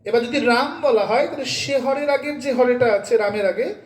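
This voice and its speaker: A man from Bengal preaches with a strikingly high voice, keeping his listeners alert by quizzing them again and again. His sermon rings through a roomy, echoing space. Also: moderate pace. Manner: quizzes listeners with repeated questions. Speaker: devotional scripture reader and preacher. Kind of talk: devotional sermon with sung chants. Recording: echoey room.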